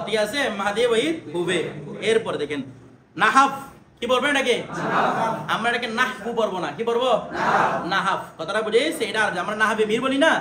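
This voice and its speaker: A man teaching a class, drilling pronunciation and quizzing his students. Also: sits high. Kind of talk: classroom lesson. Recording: echoey room with background noise.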